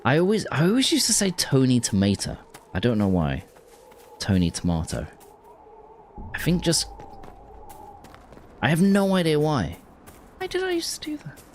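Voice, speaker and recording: A man's voice: a little high, huge pitch swings, moderate pace, long pauses, a little hiss or hum. A man chatting casually while streaming a game, rambling and restarting his sentences. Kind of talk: casual gameplay chat with chat.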